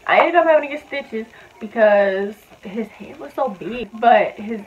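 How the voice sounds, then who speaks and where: A young woman tells her story in a loose, chatty vlog, her voice sitting a bit high. She leans on fillers and says "like" constantly. The recording sounds slightly dull, with a faint hum behind her. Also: animated, a little slow. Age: young adult. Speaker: vlogger. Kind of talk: casual storytime.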